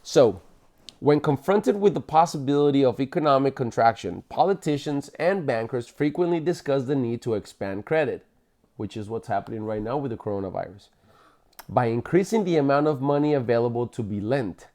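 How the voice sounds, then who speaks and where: A parent reads a book aloud to children at bedtime, adding casual asides. His voice is male, mellow, relaxed, middle-pitched, and a little fast. He explains things informally and sometimes stumbles, correcting his own wording as he reads.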